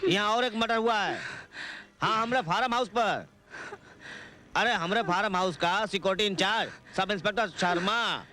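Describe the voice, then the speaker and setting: A man's voice: sits high, normal speed. An actor playing a crude, powerful male politician with a way of speaking, swaggering and commanding, in a film dub. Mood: bossy. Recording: film soundtrack with loud score.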